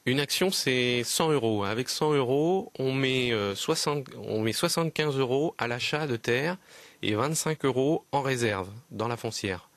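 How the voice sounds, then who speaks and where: A man from Lower Normandy, a guest on a radio interview, explaining earnestly and hesitantly with many fillers and restarts. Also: lively intonation, unhurried, no room sound. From Lower Normandy, France. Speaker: guest, land trust representative.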